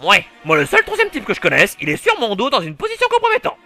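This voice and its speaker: A man's voice: sits high, quick pace, gravelly, soft background music, exaggerated voice. A man voicing a brash, mocking young male hero in a cartoon parody dub. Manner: mocking, excitable.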